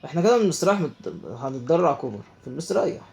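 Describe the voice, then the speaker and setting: A man's voice: on the high side, expressive, very fast, vocal fry, darkish tone, husky. A man with an Egyptian Arabic accent giving chatty let's play commentary, talking to himself and his viewers as he plays. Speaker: gaming YouTuber.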